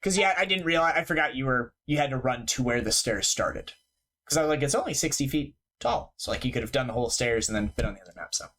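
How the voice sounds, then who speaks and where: A man running a tabletop game as game master, with quick, chatty rules explanations. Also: mid-range voice, sharp tone.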